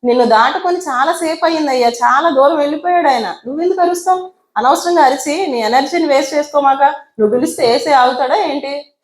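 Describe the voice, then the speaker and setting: A woman's voice: sits high, fast talker, natural voice. A woman preacher voicing an impatient crowd that harshly scolds a blind beggar. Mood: scolding. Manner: rebuking, scornful questions. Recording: roomy echo.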